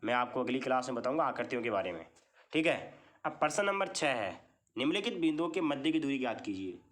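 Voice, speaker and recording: A male teacher walks through a maths lesson at an even, mid-range pitch. He goes step by step, repeats key points and keeps checking with the class. Often he asks a question and then answers it himself. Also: fast. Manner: explains step by step with many repeated checks like "theek hai".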